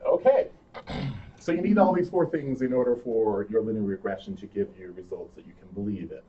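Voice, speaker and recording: A man's voice: fairly low pitch, fairly quick. A man presenting in a seminar, playfully quizzing his audience during an interactive lecture. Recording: distant muffled room recording.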